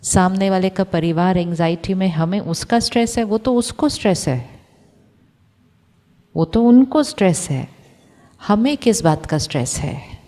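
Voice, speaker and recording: A woman giving a calm, reflective spiritual talk to an audience of doctors, asking them questions and mixing in English phrases. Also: mid-range voice, unhurried, long pauses, long reverb tail. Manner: mixes Hindi with English phrases. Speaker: spiritual teacher.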